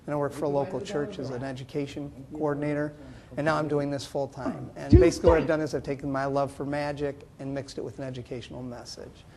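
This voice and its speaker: A man giving an interview as a working magician, with a medium-pitched voice that stays very even. A crowd is clearly heard behind him. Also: fast talker. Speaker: children's magician being interviewed. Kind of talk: interview talk. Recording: busy crowd noise behind.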